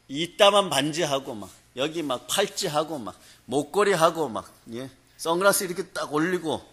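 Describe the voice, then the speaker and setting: A man's voice: a little high, fairly bright tone, breathy edge. A male pastor preaching a revival sermon, telling stories and often prompting the congregation for a response. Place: prayer hall.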